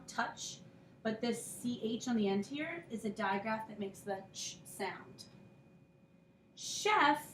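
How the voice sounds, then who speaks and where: A woman with a slightly high voice teaches a recorded phonics lesson, patiently going step by step and sounding out letters. She's a bit off-mic in an echoey room, with some faint hiss or hum.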